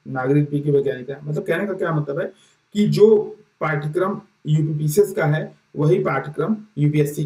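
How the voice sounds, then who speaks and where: Mellow-voiced male teacher in a roomy echo. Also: on the high side. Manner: repeats "ठीक है" as a check-in, many fillers and restarts. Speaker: exam-prep teacher. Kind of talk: casual explanatory lesson. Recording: roomy echo, distant mic.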